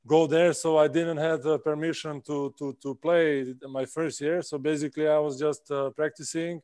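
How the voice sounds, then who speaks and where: Over a laptop mic on a video call from home, a Czech basketball player answers interview questions casually in Czech-accented speech, stopping and restarting with frequent "uh" pauses. His voice is smooth and dry, fairly high and a little mellow, delivered flatly without any room sound.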